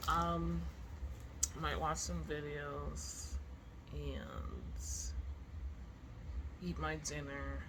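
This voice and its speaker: A middle-aged book vlogger chats casually and candidly in an informal video diary, speaking at medium pitch with a flat delivery, drawn-out words, and frequent pauses. Room ambience and clear background noise are audible.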